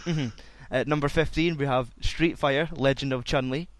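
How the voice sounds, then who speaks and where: A man's voice: medium pitch, fairly even intonation, moderate pace, no echo. A man hosting a casual chat, loose and rambling. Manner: loose and rambling, laughs a lot. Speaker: podcast host.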